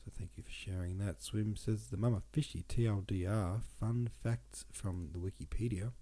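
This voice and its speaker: A podcast host reads aloud from old poems at normal speed, his voice on the low side. He sounds sniffly and congested, and he chats about the verse casually with relaxed asides.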